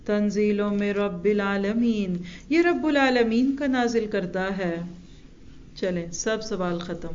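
A woman teaching a religious lesson. She asks her listeners rhetorical questions and recites Arabic verses slowly. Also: mid-range voice, darkish tone, lo-fi sound, slight background noise. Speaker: Quran teacher.

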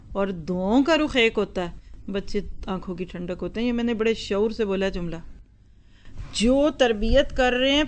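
Smooth-voiced woman giving a lecture. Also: mid-range voice. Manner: rhetorical questions and repeated parallel phrases; earnest, lecturing. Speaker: religious speaker on parenting. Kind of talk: Islamic lecture to an audience.

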